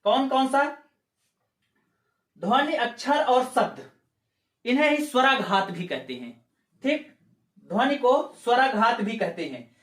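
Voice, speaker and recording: A man's voice: very high-pitched, lively intonation, measured pace, pauses often, fairly bright tone. Man teaching grammar in an echoey room. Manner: explains step by step with rhetorical questions; repeats points and checks in with "ठीक है". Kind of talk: exam-prep lecture.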